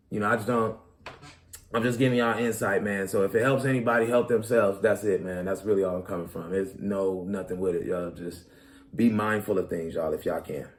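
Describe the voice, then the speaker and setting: A man in his thirties, a comedian hosting his own show, talking casually and animatedly in slang straight to his audience. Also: lowish voice. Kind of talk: casual commentary monologue.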